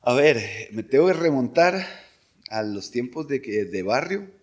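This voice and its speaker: Middle-aged Costa Rican man, relaxed rambling storyteller, chuckles between stories. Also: mid-range voice, unhurried. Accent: Costa Rican Spanish. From Costa Rica. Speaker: podcast guest, singer. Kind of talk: casual conversational storytelling.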